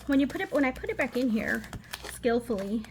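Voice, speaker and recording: A woman's voice: a little high, sing-song, brisk. A woman giving a casual, rambling craft show-and-tell in her living room over a running washing machine, often losing her thread and interrupting herself. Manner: scattered, self-interrupting, giggly asides. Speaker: craft vlogger. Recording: washing machine noise in background.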